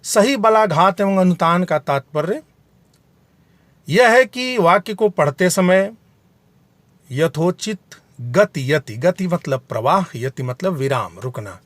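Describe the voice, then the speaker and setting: A man teaching Hindi grammar in a video lesson, explaining terms deliberately and spelling out examples. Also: high-pitched, animated, a bit bright, dry recording.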